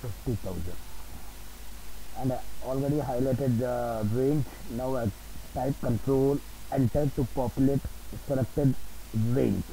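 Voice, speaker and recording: A man presents an unscripted software tutorial at a middling pitch, dictating each entry and keystroke word by word. His voice is very dark and soft-edged. Faint noise sits behind him in a homemade screen recording. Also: measured pace, creaky, rough recording.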